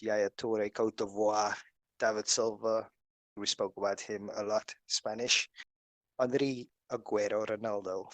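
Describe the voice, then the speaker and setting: A man's voice: lowish voice, no room sound. Guy hosting a chat, lots of uhs as he reads a list, pretty dry sound. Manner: reads through lists with many fillers. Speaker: host. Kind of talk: casual video-call chat.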